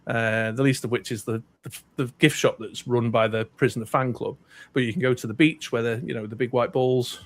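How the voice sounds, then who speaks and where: A man's voice: medium pitch, fairly even intonation, brisk. A middle-aged man from North Wales with a British accent, chatting casually on a podcast, rambling with many ums and restarts. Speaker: podcast co-host. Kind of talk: casual chat.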